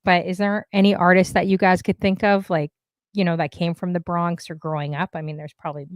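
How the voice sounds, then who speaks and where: A woman's voice: on the low side, flat delivery, fairly quick, no room sound, studio quality. A woman from Canada hosting a casual livestream talk show, chatty and upbeat, with lots of fillers.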